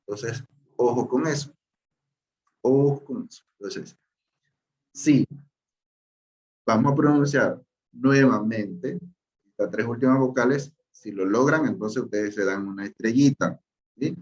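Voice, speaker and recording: Man, language teacher, slow unhurried delivery, patient, repeats and checks in, slightly muffled lo-fi sound. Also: mid-range voice, darkish tone. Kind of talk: slow explanatory lesson.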